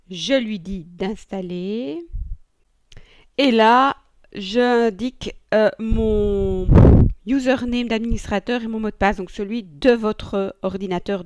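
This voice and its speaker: Slow-talking woman, chatty software tutorial. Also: medium pitch, dry recording, clean studio sound. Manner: chatty, thinking aloud with fillers and little jokes. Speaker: teacher. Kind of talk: screen-recorded software tutorial.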